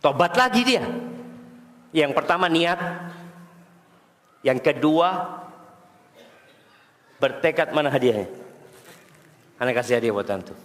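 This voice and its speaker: Male preacher, high voice, lively sermon with questions to the congregation, roomy reverberant hall. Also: slow pace, pauses often. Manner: animated, quizzes the congregation. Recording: echoey hall.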